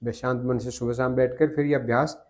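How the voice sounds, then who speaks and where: An older man, a guest in a conversation, remembers the past in a measured, reflective way and often corrects himself mid-sentence. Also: mid-range voice, fairly even intonation, darkish tone. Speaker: interview guest. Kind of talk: reminiscing conversation.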